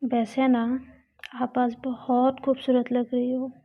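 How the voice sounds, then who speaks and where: A woman voicing an affectionate young college woman who coaxes and pleads softly and slowly. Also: a little high, little pitch movement. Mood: coaxing. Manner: coaxing, pleading. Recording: dull lo-fi recording.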